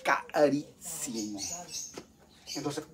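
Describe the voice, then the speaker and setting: A man's voice: mid-range voice, extremely slow, very noisy. A man with a Mexican accent chatting to viewers from his home kitchen while he cooks, campy, teasing and crude. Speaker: live streamer. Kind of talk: live stream chat while cooking.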